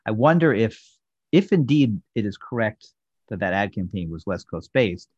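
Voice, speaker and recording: Husky low-voiced man in casual chat. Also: sing-song, no room sound. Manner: halting, self-correcting, reports research. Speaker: podcast co-host. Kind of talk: casual chat about a TV episode. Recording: dull lo-fi dry sound.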